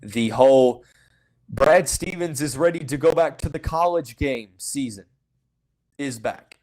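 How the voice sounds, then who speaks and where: A man's voice: medium pitch, unhurried, darkish tone, rough recording. A man hosting a sports podcast, talking casually and frankly, with many "you know" fillers and restarts. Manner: frank, opinionated, says he calls it as he sees it. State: has the hiccups. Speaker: podcast host. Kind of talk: casual sports talk monologue.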